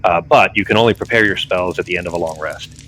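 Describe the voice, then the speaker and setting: A man's voice: deep voice, fast, a bit bright, a little hiss or hum, rough recording. A man speaking as game master, casually explaining the rules of a tabletop game.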